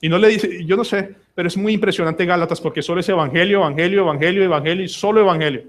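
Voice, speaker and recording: A pastor delivers an emphatic sermon at a church service. His voice sits fairly high for a man. He slips into quoted voices and pleading prayers as he preaches. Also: quick pace. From Colombia.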